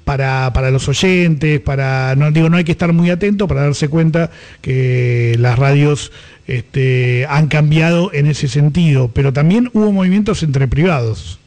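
A man's voice: on the high side, unhurried, darkish tone. A male radio host, asking questions in a conversational, hesitant way. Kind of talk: radio interview.

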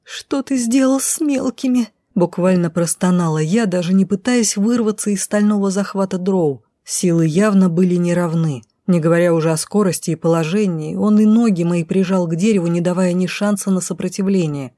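Woman audiobook narrator, expressive first-person reading, mellow voice, dry close sound. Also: on the low side, brisk, hardly any pauses, dry recording.

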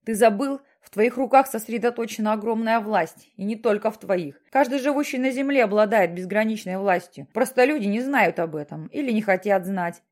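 A woman's voice: medium pitch, brisk, hardly any pauses, a little mellow, natural voice. A woman voicing a stern, mysterious voice from the sky that questions and lectures insistently.

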